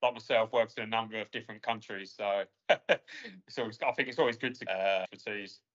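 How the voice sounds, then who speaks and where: A man hosting a podcast interview, relaxed and sprinkling his questions with uh and um. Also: on the low side, a little fast. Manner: relaxed, many uh and um fillers. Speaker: podcast host. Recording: lo-fi remote audio.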